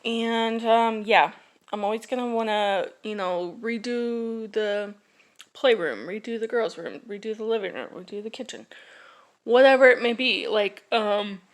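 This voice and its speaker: A woman in her thirties chatting casually to camera for her family vlog, rambling with restarts, sighs and yawns. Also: a little high. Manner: rambling, halting, yawning, with sighs and laughs. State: drowsy. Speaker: family vlogger.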